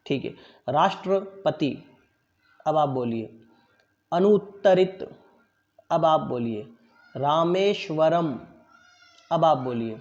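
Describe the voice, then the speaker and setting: Man teaching, repeating answers slowly. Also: on the high side, a little mellow, dull audio. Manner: explains slowly, repeats answers, often says "theek hai"; drills pronunciation, word then pause for pupils. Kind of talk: online class lesson.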